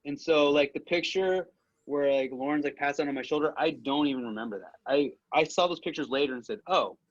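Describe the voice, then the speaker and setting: A man's voice: fairly high pitch, brisk, lo-fi sound. A young man in casual chat with an old friend, rambling and poking fun at himself as he tells stories. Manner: self-deprecating, rambling storyteller.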